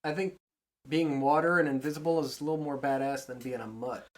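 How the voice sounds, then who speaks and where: A man co-hosting a podcast who talks through his quiz answers in animated, casual chat. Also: mid-range voice, fairly quick, a crowd in the background. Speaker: podcast co-host.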